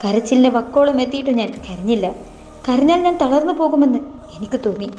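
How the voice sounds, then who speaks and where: High, mellow woman reading a novel aloud. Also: lively intonation, quick pace, slight background noise. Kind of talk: dramatized novel reading, first person. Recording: dull lo-fi voice with faint music.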